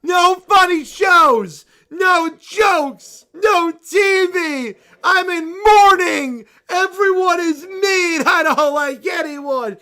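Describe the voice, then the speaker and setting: Playing a small bear boy, a woman gives him a high, loud voice that wails and shouts through tears in furious tantrum, rising shrill and breaking with sobs as he drags out words. The heavily acted delivery is animated, gravelly, unhurried, and nearly pause-free.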